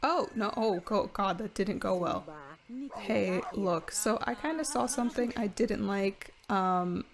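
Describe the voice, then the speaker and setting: Woman, casual gameplay commentary, chatty, self-mocking, gravelly fry. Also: medium pitch, measured pace. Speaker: gameplay video creator. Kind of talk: casual let's-play commentary.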